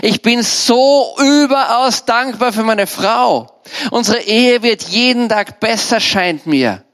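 A man's voice: very high voice, lively intonation, slow pace, fairly bright tone. A man preaching a sermon in a direct, conversational way, speaking straight to his listeners.

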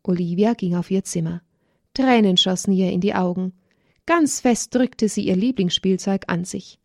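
A woman reading a religious story to children in a gentle storytelling manner. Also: mid-range voice, normal speed, creaky, dry recording, clean studio sound.

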